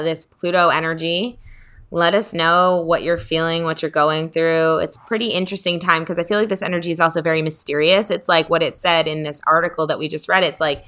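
A woman's voice: deep voice, pushed and bright. A woman co-hosting a podcast in casual chat, laid-back and giggly, with many fillers. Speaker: podcast co-host.

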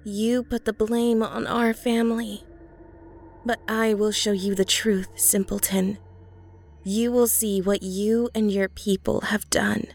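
A woman voicing a possessed teenage girl whose voice sounds warped, with a raspy rumble under the girl's tone, speaking slowly and coldly. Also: level tone, a little mellow. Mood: menacing. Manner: slow, cold, accusing.

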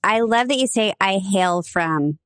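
A woman's voice: mid-range voice, lively intonation, a little slow, fairly bright tone, clean tone, no echo. A woman from Nebraska co-hosting a podcast, telling rambling stories in casual chat and laughing often. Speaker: podcast co-host.

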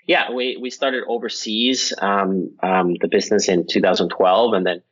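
Speaking at normal speed in a very low voice, a company founder from Finland, a native Finnish speaker, gives relaxed, casual interview answers as a guest. He wanders loosely through his points with plenty of ums and restarts, and the audio is slightly muffled and lo-fi.

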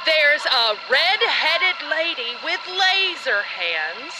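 A woman's voice: high-pitched, sing-song, slow pace, background noise, exaggerated voice. An actress playing a sarcastic, irritated female news reporter who swears on air. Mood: snarky. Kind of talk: audio drama acting.

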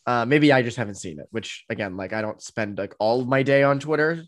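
A man's voice: medium pitch, brisk. A man appearing as a guest on a sports podcast, chatting casually and thinking aloud with lots of "um" and "you know".

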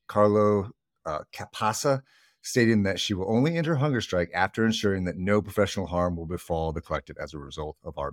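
A man's voice: low-pitched, no echo, clean studio sound. A middle-aged man co-hosting a podcast in casual, joking chat with many fillers. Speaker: podcast co-host.

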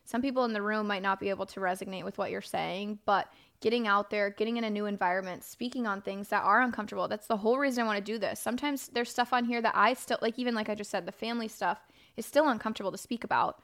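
A woman's voice: medium pitch, fast, a bit bright. A woman hosting a podcast in a casual, confessional way, candid and conversational, often checking in with a "right?". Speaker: podcast host.

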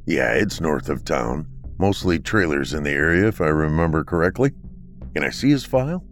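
A man voicing a terse, low-voiced veteran sheriff. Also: lively intonation, normal speed, faint music behind. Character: gruff veteran male county sheriff.

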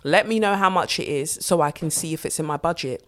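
A woman's voice: deep voice, a little fast, fairly bright tone. A woman with a London accent hosting a podcast in casual solo chat, candid, playful, slangy and sweary. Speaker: podcast host.

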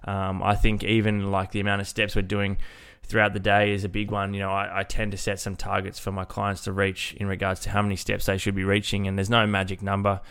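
A man's voice: sits low, completely flat delivery, fairly quick, hardly any pauses, a bit bright, clean tone. A man with a nasal, congested-sounding voice, hosting a casual solo fitness podcast in an informal way. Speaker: podcast host, fitness coach.

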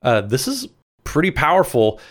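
A man's voice: medium pitch, wildly swooping pitch, moderate pace. A man co-hosting a casual podcast, chatting enthusiastically and reading out game card text. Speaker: podcast co-host.

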